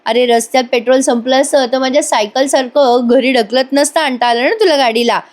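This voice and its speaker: A man's voice: very high-pitched, steady tone, a little fast. A woman voicing a teasing village elder brother.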